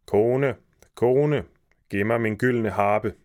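A man voicing a huge, suspicious male giant in a storybook reading, shouting his demands. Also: lowish voice, no room sound, clean studio sound, lightly acted. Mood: bellowing.

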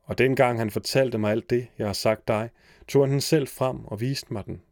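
A man's voice: medium pitch, steady tone, gravelly, darkish tone, dry recording, clean studio sound, lightly acted. A man reading a sorrowful princess. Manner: sorrowful, tender. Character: grieving young princess, loving.

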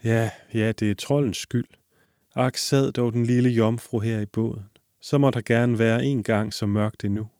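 A man voicing a steadfast, one-legged tin soldier whose quiet inner thoughts sound stiff and longing, in a storybook reading. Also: medium pitch, steady tone, no echo, studio quality, lightly acted. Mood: wistful.

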